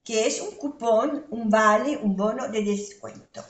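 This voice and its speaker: A woman's voice: on the high side, a little slow. An older woman teaching a language lesson, patiently repeating examples and spelling out sounds. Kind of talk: slow, clear language lesson. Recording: echoey room.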